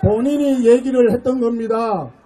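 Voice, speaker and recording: A middle-aged man, a party floor leader, giving a fiery speech at an outdoor political rally, shouting and firing rhetorical questions at the crowd. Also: very high-pitched, moderate pace, a little hiss or hum, low-quality recording.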